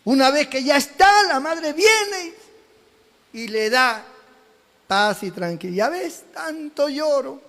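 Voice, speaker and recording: A pastor from Peru preaches with fervour, mixing exclamations with homely family stories. His voice sits very high for a man, and each phrase rings out in a long hall reverb. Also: lively intonation, takes it slowly, bright, forceful tone. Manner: fervent preaching with homely storytelling, exclamations and asides to the congregation. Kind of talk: sermon.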